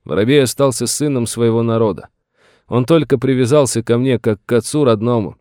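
A man's voice: medium pitch, a little fast, mellow, no echo, clean studio sound, voice pushed up, close to an everyday voice. A man voicing a frightened aging rancher who pleads in a plaintive, agitated way. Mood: fearful, plaintive. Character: frightened aging male rancher, tearful and whining.

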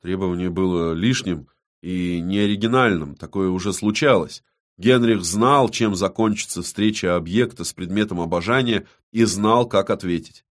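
A man narrating an audiobook in an even, measured reading. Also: low-pitched.

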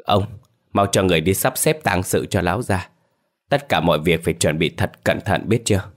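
A sharp-tongued middle-aged lady who rules her household, done by a male storyteller. She speaks in a low, firm voice, scolding and ordering her servants, in a narrated ghost story. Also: normal speed. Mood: commanding. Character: stern middle-aged mistress of a rich household, woman.

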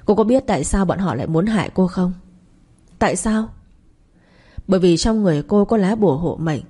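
A woman voicing a shrewd, calm young woman who answers curtly. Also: fairly low pitch, a little fast, husky. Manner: curt, cool.

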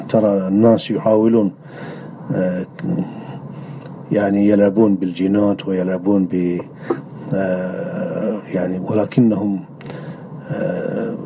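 Man teaching a religion class, deep mellow tone, lots of long umms, muffled lo-fi sound. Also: a little hiss or hum. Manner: measured, with frequent drawn-out hesitation sounds. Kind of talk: lecture on creed. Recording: dull lo-fi recording.

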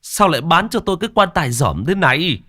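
A man's voice: on the low side, sing-song, normal speed, fairly bright tone. A man scolding as an indignant old villager. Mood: angry.

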